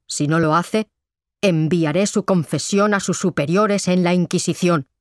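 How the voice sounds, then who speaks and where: A woman's voice: on the low side, unhurried, darkish tone, no room sound, clean studio sound, close to an everyday voice. A woman voicing a determined, protective middle-aged father in a read-aloud story, speaking insistently. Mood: earnest.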